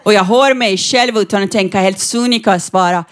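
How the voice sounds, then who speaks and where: A middle-aged woman from Iran doing stand-up comedy, cheeky and quick to laugh. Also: mid-range voice. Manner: cheeky, laughing often, lively. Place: stage before a live audience.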